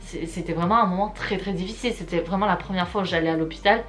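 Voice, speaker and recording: A woman's voice: lowish voice, quick pace, soft background music. A woman vlogger chatting casually and expressively to her viewers as she tells a personal story. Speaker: YouTube vlogger. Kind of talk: story time vlog, casual chat to viewers.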